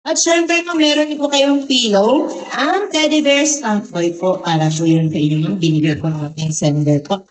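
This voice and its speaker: A woman's voice: medium pitch, normal speed, few pauses, low-quality recording. A woman hosting a surprise gift delivery who talks very politely, putting "ma'am" at the end of nearly every phrase.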